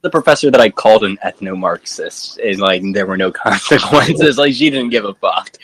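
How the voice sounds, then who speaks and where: Low-voiced young man telling stories. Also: lively intonation, moderate pace, a bit bright, husky, soft background music. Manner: anecdotal storyteller, filler-heavy. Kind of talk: casual group chat.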